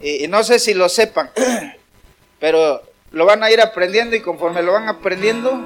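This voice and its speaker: High-voiced fervent man preaching. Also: normal speed. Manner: fervent, shouting praises and acting out a story. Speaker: preacher leading worship. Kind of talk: lively evangelical preaching.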